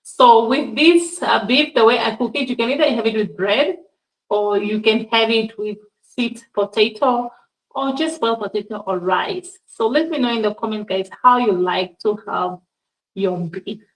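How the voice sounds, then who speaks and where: A cooking vlogger with a higher-pitched voice chats casually with her viewers, often calling them guys, while demonstrating a dish in her home kitchen. She talks at a moderate pace, far from the mic, and the kitchen is echoey.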